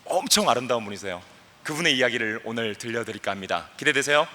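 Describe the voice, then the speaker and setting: A young man giving a playful, animated talk to a youth camp audience, acting out voices and leading the crowd in chants. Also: mid-range voice, fast talker. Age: young adult. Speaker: guest speaker at a youth camp.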